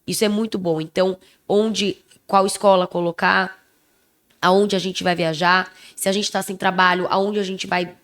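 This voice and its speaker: An expressive young woman with a Brazilian Portuguese accent, co-hosting a relaxed podcast chat. She talks emphatically, with a naturally loud manner, and sounds a little under the weather. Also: on the low side, normal speed. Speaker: podcast co-host. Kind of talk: casual chat.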